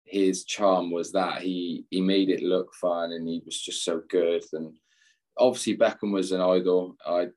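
Deep and a little mellow, this young Englishman's voice barely shifts in pitch and runs a little slow. A former footballer, he's a guest in a casual chat, rambling on, laughing a lot, and making fun of himself.

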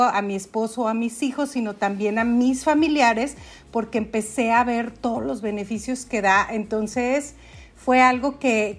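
A woman with a Mexican accent, a podcast guest telling her story in casual, chatty conversation. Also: on the high side. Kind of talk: casual chat.

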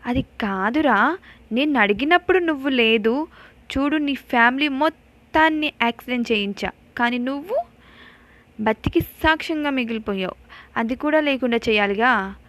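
A woman's voice: high-pitched, animated, moderate pace, a bit bright. A woman voicing a cruel village villain. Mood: menacing. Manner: menacing, threatening.

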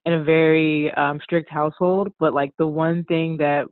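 A relaxed, chatty woman from the DC area talks through her career as an interview guest, filling her speech with "like" and "um". Her voice comes over a tinny, phone-like remote line. The sound is dry, with no room around it. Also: low-pitched, normal speed, dry recording. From Washington DC area, USA. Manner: relaxed, chatty, frequent "like" and "um", laughs often. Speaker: guest, costume designer. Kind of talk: casual conversational interview.

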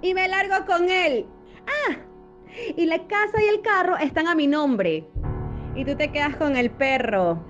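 A woman voicing a scornful wife in a comic radio sketch, mocking and gloating in a very high, swooping voice. The recording is slightly dull, with music playing underneath. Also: expressive, measured pace, a bit bright.

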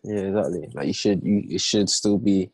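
A man's voice: low-pitched, moderate pace, a little mellow, husky, no echo, low-quality recording. A young man with a London roadman accent chatting casually in repetitive slang. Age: young adult. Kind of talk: casual chat.

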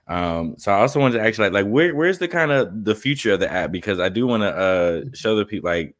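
A man's voice: fairly low pitch, lively intonation, quick pace, dry recording, clean studio sound. A man interviewing a guest in casual, earnest talk. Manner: earnest, frequent agreeing murmurs.

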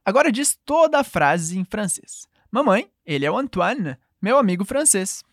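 Speaking at a normal speed in a very animated medium-pitched voice, a Brazilian Portuguese-accented woman patiently models phrases for the listener to echo in a call-and-response language lesson. There's no room sound, just clean studio audio.

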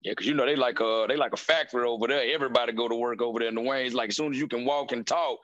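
A man's voice: medium pitch, fairly even intonation, very fast, fairly bright tone, no room sound, lo-fi sound. A man hosting a podcast, asking questions and joking around in casual slang. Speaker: podcast host, comedian.

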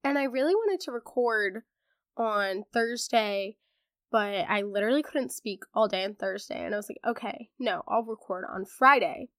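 A teenage podcast host, congested from recovering laryngitis, chats casually with a sarcastic streak and many fillers. She speaks at normal speed in a mid-range, slightly bright voice with lively intonation, in a clean, dry studio recording.

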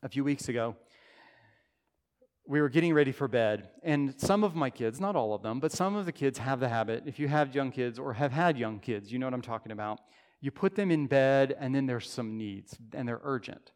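A man in his thirties preaching a sermon as pastor, earnest and conversational, rising to loud emphatic peaks. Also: mid-range voice, animated, normal speed. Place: church sanctuary. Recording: long church-hall reverb.

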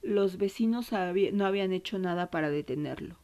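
A woman with an Argentine accent voicing a grown daughter remembering her brother's death in a quiet, low voice. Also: brisk, a little hiss or hum, lightly acted. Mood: stunned.

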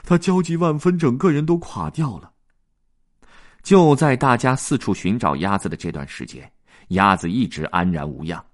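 A man reading a children's story aloud, with lively, expressive narration. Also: on the low side, normal speed.

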